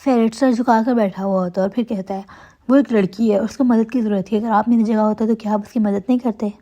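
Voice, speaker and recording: Young woman narrator, fairly high and mellow, recaps a drama episode with steady storytelling. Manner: steady storytelling recap, quoting characters in her own voice.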